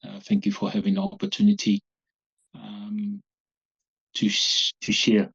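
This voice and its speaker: Husky-voiced man from Samoa, halting. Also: lowish voice, very animated, fairly bright tone, muffled recording. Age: 40s. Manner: halting, searching for words. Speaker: guest, abuse survivor. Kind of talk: personal interview.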